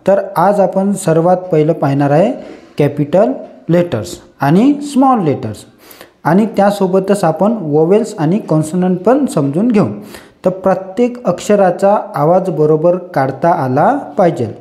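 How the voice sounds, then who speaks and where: A male English teacher, speaking unhurriedly as he walks beginners through a phonics lesson. His voice is mellow and warm, and he keeps repeating his own questions and answering them so the class can follow along. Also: high-pitched, lively intonation, unhurried. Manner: repetitive call-and-response teaching, asks and answers own questions.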